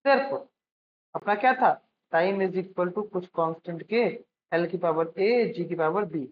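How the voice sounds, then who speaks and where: Here a physics teacher speaks slowly in a high-sitting voice, lecturing classroom-style while writing out a problem. He poses questions he then answers, checks in with students and calls them "beta" fondly, all captured on a dull lo-fi recording with faint background noise.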